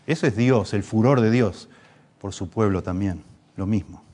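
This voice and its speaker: A man's voice: lowish voice, normal speed, a little mellow. A man with a Rioplatense Spanish accent preaching a sermon, impassioned, pushing his voice up for emphasis and restarting phrases as he goes.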